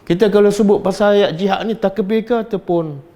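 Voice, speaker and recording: A middle-aged man with a Malaysian Malay accent, giving a religious study lecture and questioning his audience in an animated, teasing way. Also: high voice, a little fast. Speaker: religious teacher.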